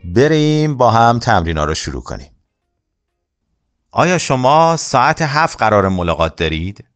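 A male English teacher whose first language is Persian, explaining quickly and then reading model sentences slowly and carefully. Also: medium pitch, very animated, fairly bright tone, faint music behind. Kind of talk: language lesson.

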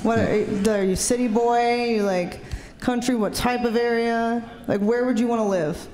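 A blunt young woman banters as a contestant on a live dating show. She is dryly picky and casual, speaking into a handheld mic in an echoey hall with clear noise behind her. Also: fairly high pitch, normal speed, a little mellow. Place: indoor theatre stage before an audience. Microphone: handheld microphone.

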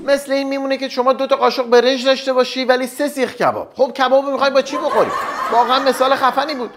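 A man's voice: extremely high pitch, noisy background. A man hosting a comedy show, delivering a stand-up monologue and teasing the audience with jokes. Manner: teasing, joking banter with the audience.

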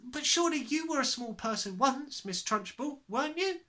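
A man's voice: very high-pitched, animated, moderate pace, pushed and bright, pitched above the performer's own voice, full character voice. A man voicing a brave but nervous little schoolboy from a storybook, earnest and easily flustered. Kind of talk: storybook character reading.

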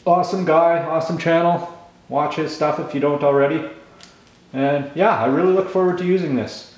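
In a very echoey room, a man in his forties from Canada shows off his tools for his vlog, chewing gum and rambling with plenty of ums, a little mumbled. His voice is fairly high and steady in tone, at a normal speed.

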